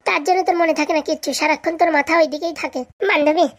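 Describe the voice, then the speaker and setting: A woman performing a comic sketch, trading rapid, bickering banter. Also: sits high, fairly even intonation, fairly bright tone.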